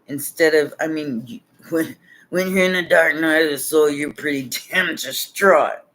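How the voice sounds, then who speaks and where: A man's voice: fairly high pitch, a little slow, fairly bright tone. A man giving a casual livestream tarot reading, laid-back and chuckling as he rambles, sounding tired with his voice nearly worn out. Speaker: tarot reader.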